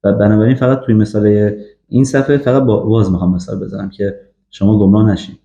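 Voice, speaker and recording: A man giving an English grammar lesson, drilling example sentences slowly with frequent fillers. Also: on the low side, fairly even intonation, creaky, dark tone. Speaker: English teacher. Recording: echoey, dull lo-fi room recording.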